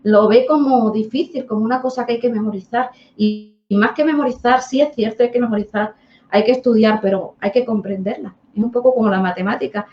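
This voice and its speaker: A woman's voice: a little high, brisk. Woman host in a roomy, dull recording. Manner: earnest, explanatory, emphatic. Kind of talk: casual interview chat. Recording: roomy, dull remote audio.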